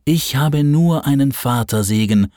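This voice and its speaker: A man's voice: medium pitch, unhurried, a little mellow, no echo, clean studio sound, voice pushed up, close to an everyday voice. A man voicing a stern, frail, blind old father in a Bible story. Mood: firm. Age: older.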